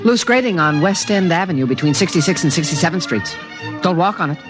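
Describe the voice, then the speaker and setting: Fast and animated, a man with a fairly high-pitched, natural voice plays an alien creature guarding a human in a 1950s radio drama. He delivers his lines precisely, matter-of-factly and earnestly, recorded in a dry studio with background music.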